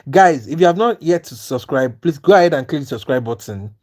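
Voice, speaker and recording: Hosting a trading livestream, this man from Nigeria talks to his chat viewers in a fairly high, animated, slightly mellow voice at a brisk clip. He's earnest and persuasive, with a Nigerian accent, and keeps repeating "you understand?"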